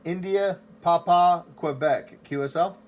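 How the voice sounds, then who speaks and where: A man making a ham radio call from his home station, calling CQ over and over, spelling his call sign in phonetic alphabet in a steady, repetitive way. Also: on the high side, measured pace, slight background noise. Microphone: station microphone.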